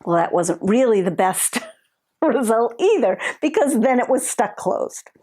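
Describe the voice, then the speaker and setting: Slow, calm woman teaching body awareness. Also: a little high, husky. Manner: slow, deliberate, gently demonstrative. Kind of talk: calm instructional talk with personal story.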